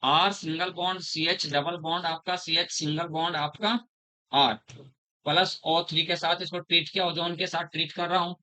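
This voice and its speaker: A middle-aged man teaching a chemistry class, slowly repeating terms, quizzing his students and calling them "beta". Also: a little high, level tone, bright, forceful tone, poor audio. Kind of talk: classroom lecture.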